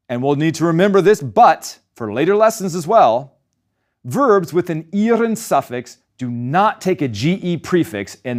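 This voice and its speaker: A man narrating a scripted German grammar lesson, explaining step by step and slowing down to pronounce German example words. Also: on the high side. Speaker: German language teacher.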